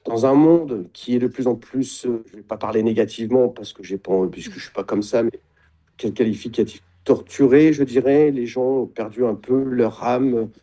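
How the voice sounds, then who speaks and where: A middle-aged man, a guest in an interview, talking in a reflective way and often pausing to search for words. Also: mid-range voice, mellow. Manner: describes himself as introverted. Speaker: guest, sailing retreat founder. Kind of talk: casual interview talk.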